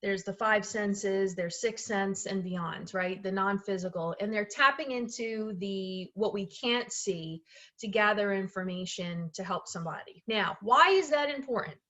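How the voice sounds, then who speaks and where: A woman at a middle pitch talks through how she works as an energy healer, in a loose, conversational way. She backtracks and restarts her phrases as she goes and keeps checking in with "okay" and "right.". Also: measured pace, fairly bright tone. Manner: chatty, self-correcting, frequently checks in with "okay" and "right". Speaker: medical intuitive and energy healer. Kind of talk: informal explanatory talk to camera.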